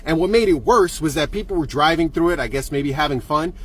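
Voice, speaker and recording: Excitable husky man telling a story. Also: fairly high pitch, a little fast. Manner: excitable, profane, acts out scenes with sound effects. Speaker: vlogger. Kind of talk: animated storytelling.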